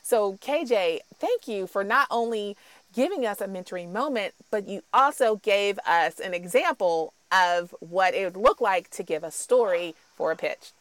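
A woman's voice: medium pitch, expressive, normal speed, no echo. A woman hosting an interview, encouraging and upbeat as she speaks to the guest and to the audience. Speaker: podcast host.

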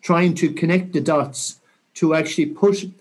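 A man in his sixties with a west of Ireland accent, talking reflectively and earnestly in an interview with measured, rhetorical phrasing. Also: on the high side, fairly even intonation, a little mellow. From County Mayo, Ireland. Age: 60s. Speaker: interview guest, senior military officer.

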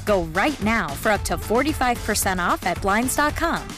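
A woman's voice: mid-range voice, expressive, normal speed, natural voice. A woman reading a scripted ad as a cheerful announcer, upbeat and salesy. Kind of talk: scripted ad read. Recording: ad read over music.

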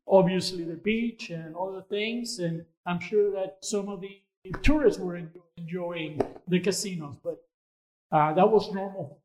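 An older man from Cuba answering interview questions in a measured, earnest way, pausing often with fillers. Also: high voice, a little mellow, low-quality recording. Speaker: interview guest.

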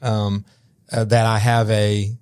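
A Memphis man speaks as a guest coach on a podcast, thoughtful and earnest, often restarting his sentences in a reflective conversation. His voice is fairly low, level, slow, a little mellow and smooth, captured in clean studio sound with no echo.

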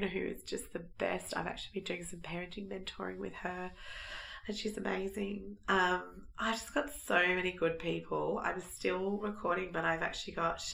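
An Australian woman in her thirties with a croaky, froggy voice from a cold, giving a chatty, informal solo podcast update. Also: on the low side, a bit bright. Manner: chatty, informal, thinking aloud. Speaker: podcast host.

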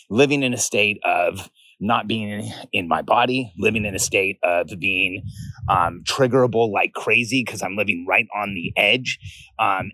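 A man in his forties talks casually from his backyard as a podcast host. His voice is fairly low and the sound is dry, with little echo. He is earnest and often repeats a phrase to drive it home. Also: pushed and bright. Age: 40s. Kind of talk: informal solo podcast monologue. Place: outdoors in a backyard by a pool.

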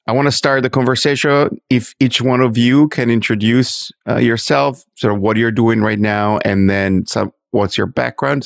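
A male podcast host with a low, gravelly voice. He talks in a measured, friendly way, with soft music under his intro. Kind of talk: podcast interview.

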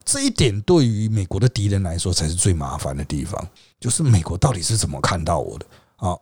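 A man hosting a podcast, delivering sarcastic political commentary full of rhetorical questions and drawn-out sentence-final particles. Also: fairly low pitch, breathy edge, no echo, clean studio sound. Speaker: podcast host.

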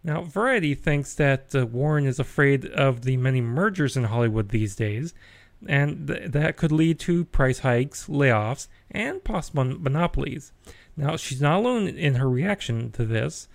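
A man's voice: mid-range voice, lively intonation, moderate pace, vocal fry, no echo. A man hosting a geeky news podcast, chatty, with wry asides and frequent fillers. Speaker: podcast host.

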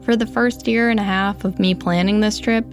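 Woman narrating with a gravelly edge. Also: mid-range voice, fairly even intonation, normal speed, soft background music. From United States. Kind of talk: first-person memoir narration.

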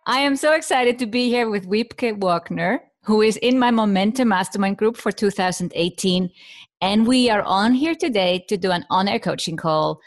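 A woman from Iceland hosting a podcast, coaching her guest with lively questions and examples. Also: medium pitch, normal speed. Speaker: podcast host and business coach.

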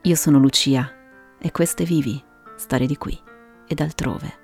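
A woman narrating a scripted story as host, in a hushed voice that slips into whispers close to the ear. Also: low voice, fairly even intonation, moderate pace, slightly rough. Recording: music behind the voice.

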